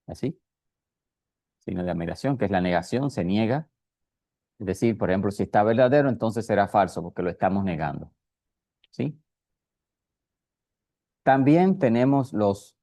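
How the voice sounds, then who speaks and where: Low, mellow-voiced man teaching code. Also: no echo, studio quality. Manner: explanatory, checks in with frequent "¿sí?". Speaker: programming teacher. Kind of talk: recorded class lecture with screen coding.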